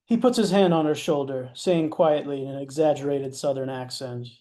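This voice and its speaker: A man's voice: on the high side, normal speed, dark tone. A man narrating stage directions in a matter-of-fact way, with wry asides. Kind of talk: scripted narration.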